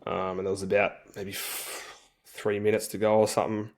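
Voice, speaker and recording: Speaking at a normal speed in a level tone, this lowish-voiced man has some vocal fry. He's a national-team rugby league player swapping casual stories in an interview, loose and full of slang.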